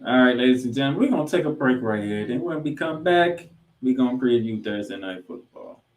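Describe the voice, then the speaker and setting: A mid-range, slightly mellow male voice moves fairly quickly and with animation through a sports podcast recap, leaning hard on names, numbers and stats. Room echo is noticeable in this roomy recording.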